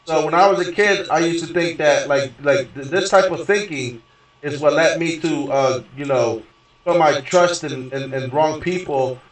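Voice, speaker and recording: A gaming streamer with a slightly high voice and moderate pace rants in a rambling, profane way while playing. He stumbles over restarts and keeps repeating "you know what I mean," and his voice sounds far from the mic in an echoey room.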